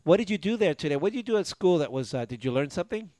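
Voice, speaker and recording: A man's voice: sits high, animated, racing, darkish tone, no echo, studio quality. A middle-aged man co-hosting a casual talk show, chatting in an encouraging way. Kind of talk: casual chat.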